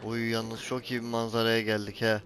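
A man's voice: mid-range voice, monotone, normal speed, a bit bright, faint music behind. A man commenting on his own gameplay in a casual let's-play, scolding the character he controls and cursing when jumps fail. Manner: exasperated, scolds the game character and swears at the camera. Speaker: gaming channel host.

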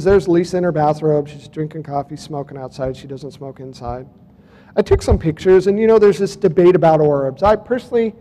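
Speaking in a reverberant conference hall, a high-voiced man with a darkish tone presents photos and clips at a UFO conference. His manner is casual storytelling, with dates read aloud and remarks aimed at the audience.

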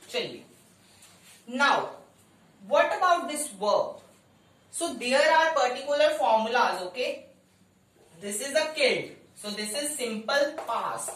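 A woman with an Indian accent teaching a lesson in a deliberate explaining manner, often checking that listeners follow. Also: a little high, a bit bright. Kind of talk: instructional grammar lesson, mixing English and Hindi. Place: indoor room with bare walls. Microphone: distant camera microphone. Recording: very echoey room, distant microphone.

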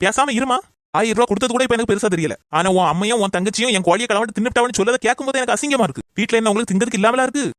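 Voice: mid-range voice, very fast, a bit bright, dry recording, studio quality, lightly acted. A performer playing an exasperated grown son who scolds his mother. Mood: scolding. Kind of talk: comedy skit acting.

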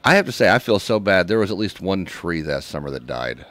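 A man's voice: sits low, sing-song, a little fast, a bit bright. A man co-hosting a casual morning radio show, joking and reading out listener answers. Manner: jokey, reads listener answers, laughs a lot.

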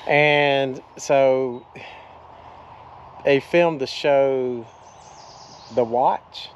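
An older man casually narrating a travel vlog outdoors, talking slowly and folksily with fillers, into a camera at arm's length. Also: medium pitch, highs cut off, slight background noise. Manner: slow, relaxed, folksy with fillers. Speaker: travel vlogger. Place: outdoors at an abandoned amusement park.

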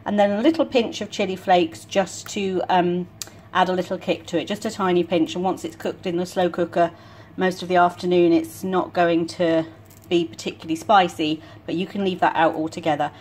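A woman talking casually through each step of a home cooking demonstration in a relaxed, chatty way. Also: on the low side, moderate pace, slight background noise. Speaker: home cook vlogger. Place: home kitchen.

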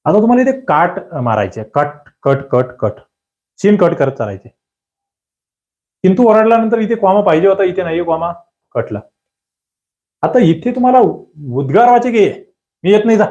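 A man giving an online exam-prep lecture, drilling grammar questions with lively, rising emphasis and questions to his students. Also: high-pitched, normal speed, pauses often, highs cut off.

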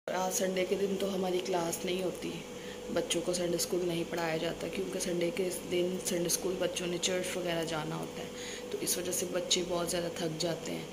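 Her voice is on the low side and level in tone, and she talks briskly amid very noisy audio. The young vlogger and Sunday school teacher chats directly to viewers in a casual home vlog, recorded on a phone at arm's length in a small indoor room.

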